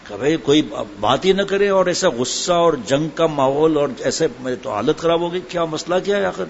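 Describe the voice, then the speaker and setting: A man's voice: a little high, lively intonation. A man preaching a sermon and telling humorous anecdotes in a chatty way, full of asides. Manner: conversational storytelling, chatty asides. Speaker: religious preacher. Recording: dull lo-fi with faint background noise.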